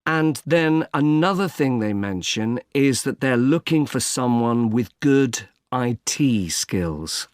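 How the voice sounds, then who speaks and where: A man playing a polite employment agency consultant in a scripted exam dialogue, speaking in a measured way and spelling words out slowly. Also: mid-range voice, expressive, no echo, studio quality. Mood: calm. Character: helpful male recruitment agent, patient and polite.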